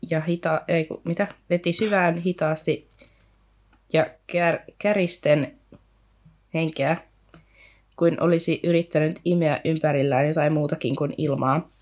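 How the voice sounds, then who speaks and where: A woman co-hosting a podcast in a relaxed, chatty way, speaking. She retells the plot in loose, rambling sentences full of fillers and now and then reads a passage aloud from the book. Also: low-pitched. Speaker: podcast co-host. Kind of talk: casual book discussion with read-aloud passages.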